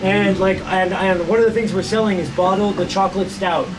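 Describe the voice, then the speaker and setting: A man's voice: high-pitched, steady tone, brisk. A man in his thirties from California, a bartender, chatting casually and rambling with many fillers and restarts. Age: 30s. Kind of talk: casual bar chat. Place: bar with air conditioning. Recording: distant mic, noisy bar.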